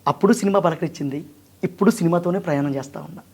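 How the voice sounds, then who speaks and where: A man from Andhra Pradesh with a high-pitched voice, speaking as a guest in an interview. He talks earnestly and emphatically about his work as a mimicry artist and actor. His delivery is heartfelt and insistent. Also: a little mellow. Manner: earnest, emphatic, sings in a slow drawn-out voice. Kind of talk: interview conversation.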